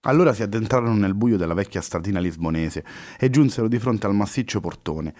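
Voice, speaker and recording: Low-voiced male storybook narrator. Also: fast talker, a little mellow. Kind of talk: audiobook story reading.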